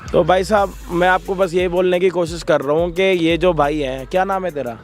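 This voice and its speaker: High-voiced man scolding, preachy vlog host. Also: steady tone, normal speed, faint music behind. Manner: preachy, scolding, addresses viewers as brothers. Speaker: prank and social video host. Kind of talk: emotional street-video presenting.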